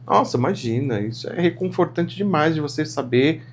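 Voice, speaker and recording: A man's voice: on the high side, expressive, moderate pace, a little hiss or hum. A middle-aged man co-hosting a podcast, speaking sincerely and reflectively in a casual chat. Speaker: podcast co-host.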